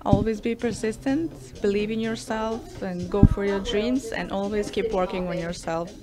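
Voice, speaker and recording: A woman's voice: medium pitch, normal speed. A young woman from Serbia, giving composed, fluent interview answers. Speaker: model interviewee. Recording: noisy crowd chatter behind.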